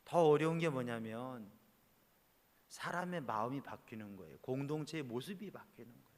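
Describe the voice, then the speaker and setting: Korean pastor preaching in a reverberant hall. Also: male voice, fairly bright tone. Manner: asks the congregation rhetorical questions, voice swells on key words then drops low. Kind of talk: sermon. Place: church sanctuary.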